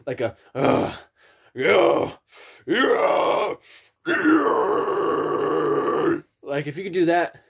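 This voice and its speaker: Casual man giving a rambling vocal tutorial. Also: medium pitch. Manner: informal, rambling, halting explanations. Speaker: scream vocal instructor.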